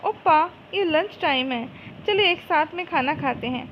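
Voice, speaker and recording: A woman reading a fan story and voicing a sensible young friend who pleads and reasons, in a high voice. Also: animated, moderate pace, dull audio, a little hiss or hum. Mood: pleading.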